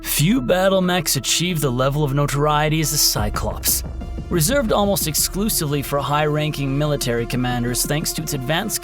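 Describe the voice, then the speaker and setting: A man narrating a sci-fi war story and then an equipment history in a measured, dramatic scripted style. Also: on the high side, creaky.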